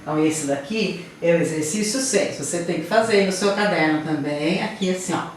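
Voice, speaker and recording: A woman's voice: lowish voice, a little fast, a little hiss or hum. A woman teacher giving a lesson, explaining patiently and often checking in with her pupils. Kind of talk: online class lesson. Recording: very echoey room, voice from a distance.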